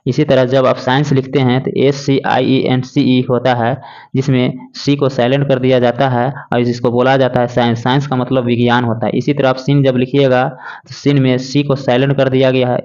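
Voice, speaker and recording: A man teaching a lesson, slowly and patiently spelling out words letter by letter. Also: medium pitch, a little mellow. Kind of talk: classroom lesson explaining English words in Hindi. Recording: dull lo-fi recording.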